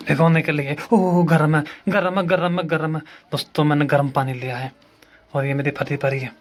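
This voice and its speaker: A young man talking to his viewers in a comic, deadpan village vlog while doing chores at home. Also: a little high. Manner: deadpan joking, addresses viewers as friends. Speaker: vlogger. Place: village home, outdoors while washing clothes.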